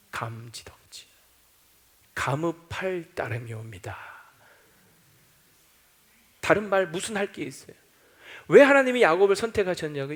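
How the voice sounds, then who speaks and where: A man's voice: high voice, fairly bright tone. A male pastor preaching a sermon, acting out doubting voices and quoting scripture as he goes.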